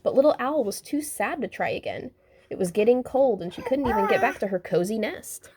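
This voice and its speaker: A woman reading a children's picture book aloud, gentle and expressive. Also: fairly high pitch, brisk, slight background noise. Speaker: storybook reader. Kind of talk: children's story read-aloud.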